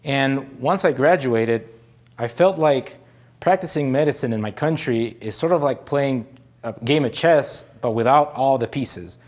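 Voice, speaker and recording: A man from Honduras, a general physician, speaking calmly and reflectively in a video testimonial. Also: mid-range voice, measured pace.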